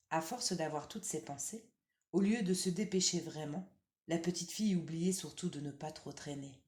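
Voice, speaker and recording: A woman reading a children's picture book aloud in a gentle, measured way, letting phrase ends trail off softly. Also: deep voice. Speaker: storyteller. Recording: roomy echo.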